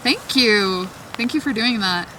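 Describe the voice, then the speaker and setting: A woman's voice: a little high, animated, unhurried, sharp tone. Chatty woman, distant noisy outdoor recording. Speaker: paranormal investigator. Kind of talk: casual vlog, questioning spirits aloud. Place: outdoors in a forest at night. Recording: distant mic, clearly noisy outdoor ambience.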